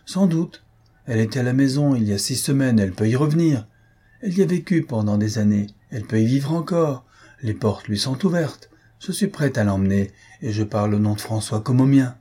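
A man's voice: mid-range voice, lively intonation, fairly quick, dark tone, husky. A man reading an audiobook, voicing a stern, practical middle-aged aunt who lectures bluntly, raised well above his own voice. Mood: insistent. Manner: lecturing, firm and cutting.

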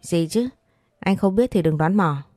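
A woman voicing a calm, defiant young woman who answers with curt retorts. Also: lowish voice, unhurried, no room sound, studio quality. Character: cool-headed young woman, sharp-tongued and defiant.

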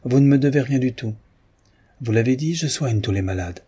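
A man's voice: medium pitch, lively intonation, normal speed, dark tone, slightly rough, pitched above the performer's own voice. A man reading aloud who voices a reserved young woman healer, firm and restrained, in a slightly raised voice.

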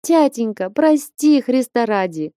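Woman doing a teary young daughter begging, high pleading voice, storybook, dry. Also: very animated, a little slow, mellow, no room sound. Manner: tearful pleading.

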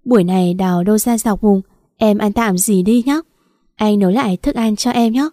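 A patient, doting young husband from a storybook, coaxing softly, as a woman reader gives him lines in her own voice. Her tone is dark and mellow, with a dry, close sound. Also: medium pitch, normal speed, no echo, lightly acted.

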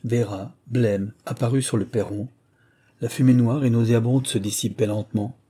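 A man narrating a literary audiobook in a measured, expressive reading. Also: mid-range voice, breathy edge.

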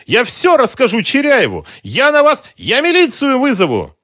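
A shrill, indignant woman protests at full volume, her voice pushed up high into near-screams, as a male narrator puts her on. She argues, mocks and denies everything, loud and sharp-edged. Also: wildly swooping pitch, moderate pace, no echo, clean studio sound, exaggerated voice. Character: frightened, indignant kept woman.

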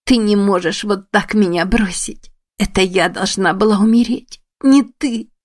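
A woman's voice: mid-range voice, unhurried, no echo, studio quality, voice pushed up, close to an everyday voice. Woman playing a sobbing young heroine. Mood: grieving. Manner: pleading, on the edge of hysteria. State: crying.

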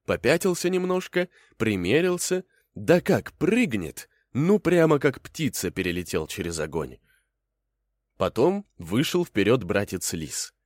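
Man reading a fairy tale aloud, very animated pitch, expressive, dry close sound. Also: a little slow, no room sound. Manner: lively, expressive storytelling. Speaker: narrator. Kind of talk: storybook reading.

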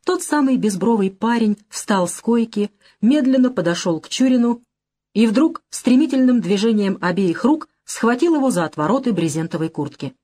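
A woman reads classic prose aloud as an audiobook narrator. Her voice sits fairly high, and her delivery is even and measured.

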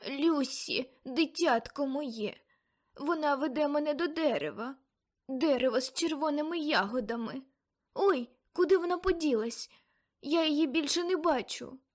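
A woman narrator puts on an elderly aunt swept up in a storybook vision. She sounds high and strained and cries out in breathless bursts. Her voice gets louder as the fear builds. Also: measured pace. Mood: dreamy. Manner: breathless, exclaiming, rising to cries. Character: elderly aunt, a seer lost in a frantic vision.

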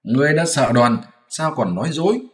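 A man voicing a sharp, mocking monkey-king disciple who teases and scolds, in a storybook reading. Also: mid-range voice, lively intonation, a little fast, voice pushed up, lightly acted. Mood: scolding. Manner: scolding, teasing, commanding. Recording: roomy echoey room.

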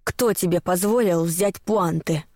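A woman voicing a spiteful, trembling old woman who hisses her words slowly and menacingly. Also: mellow, no echo, clean studio sound, lightly acted. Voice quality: hissing, slow and low.

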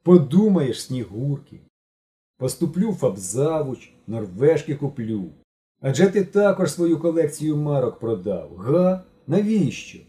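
A man voicing a proud, boastful teenage boy who protests excitedly in an audiobook. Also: fairly high pitch, measured pace, pitched above the performer's own voice.

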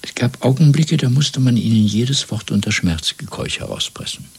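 A male actor in a German radio drama, preserved in a restored 1970s recording, plays a cold, calm party interrogator who is methodical and menacing. His medium-pitched voice is husky and gravelly, exaggerated, with lively intonation. Measured and formal, he probes with rhetorical questions.

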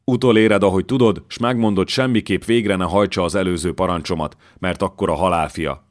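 A man's voice: low-pitched, fairly even intonation, close to an everyday voice. A male narrator voicing an old king who is anxious and bitter, raising his voice sharply in his orders. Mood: commanding. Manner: raises his voice sharply in his outbursts.

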